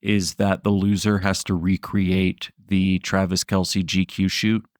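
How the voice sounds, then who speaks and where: A man's voice: low voice, flat delivery, a little slow, dry recording, studio quality. A man co-hosting a fantasy football podcast, rambling in casual chat, with laughs and swearing. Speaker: podcast co-host.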